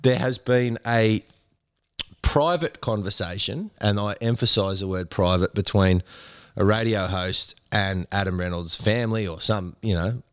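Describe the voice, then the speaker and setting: A man's voice: on the low side, fairly even intonation, normal speed, smooth, no echo, studio quality. An Australian man co-hosting a casual sports chat while sick, grumbling in sarcastic rants. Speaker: podcast co-host.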